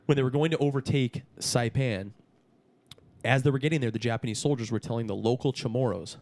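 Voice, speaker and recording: A man's voice: mid-range voice, fairly quick, a little mellow, no room sound. A man chatting casually on a podcast as a guest, peppering his talk with "dude". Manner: casual, says dude a lot.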